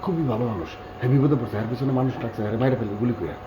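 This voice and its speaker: A man's voice: medium pitch, lively intonation, very fast, background noise, natural voice. Male actor, an urgent, whispery-pleading bachelor hero; roomy, muffled sound. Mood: hushed urgent. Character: bachelor hero hiding a foreign guest, a young man. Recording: echoey, dull-sounding room.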